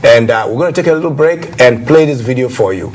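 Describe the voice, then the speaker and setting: A man hosting a TV talk show, speaking haltingly with many fillers. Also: mid-range voice, expressive. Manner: hesitant, many filler sounds.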